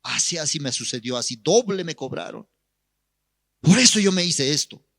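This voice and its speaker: A man's voice: on the high side, sing-song, normal speed, creaky, bright, forceful tone, no room sound, studio quality, exaggerated voice. A man doing a whiny drunk young man. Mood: self-pitying.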